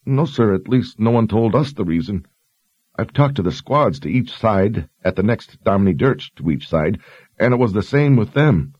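A man's voice: fairly low pitch, lively intonation, moderate pace, a little mellow, dry recording, lo-fi sound, pitched above the performer's own voice. A man voicing a frightened, dutiful young woman sergeant who speaks earnestly and deferentially. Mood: anxious.

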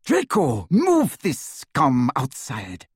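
A man voicing a cruel, fanatical witch who shrieks and sneers in a high, strained voice. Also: wildly swooping pitch, very slow, breathy edge, dry recording, studio quality, full character voice. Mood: intense. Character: shrill unhinged female witch, cruel and fanatical.

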